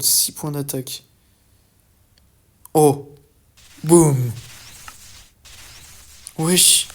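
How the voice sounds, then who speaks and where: Excitable young man narrating his gameplay. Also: a little high. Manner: excitable, swears often, talks to viewers as "the guys". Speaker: gaming YouTuber. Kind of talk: casual let's-play commentary.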